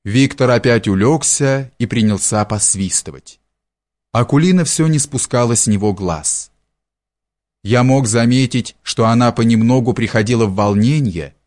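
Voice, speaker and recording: Male audiobook narrator, measured and expressive classic prose reading, mid pitch. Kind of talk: scripted literary narration.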